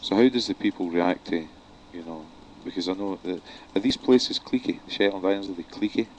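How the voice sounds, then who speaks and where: A man's voice: low-pitched, a little fast, slight background noise, rough recording. A man hosting a radio interview, asking blunt questions. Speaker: radio host.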